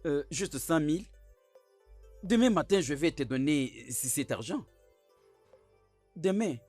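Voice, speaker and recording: A man's voice: a little high, animated, measured pace, faint music behind. A boastful rich old man. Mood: generous. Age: older. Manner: blustering, then soft and pleading. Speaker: wealthy suitor. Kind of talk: French film dub.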